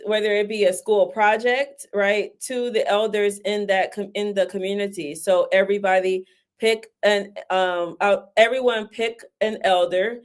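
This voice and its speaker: A woman who runs a book publishing service, giving an interview in a quick, casual way and often checking in with "right?". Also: medium pitch. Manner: talks fast, says "right?" often. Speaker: guest, book publisher and ghostwriter.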